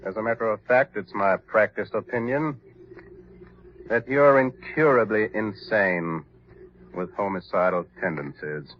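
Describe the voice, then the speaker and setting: An actor playing a crooked asylum doctor, coolly clinical and sly, in 1940s radio acting on a dull lo-fi old broadcast. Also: male voice, fairly low pitch, a little slow, a little hiss or hum, lightly acted. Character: crooked, smooth-talking male asylum doctor.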